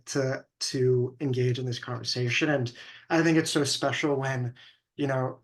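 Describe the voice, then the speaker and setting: A young man, a guest in a conversational interview, at a mid pitch. He speaks earnestly and thoughtfully, often pausing to search for his words. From California, USA.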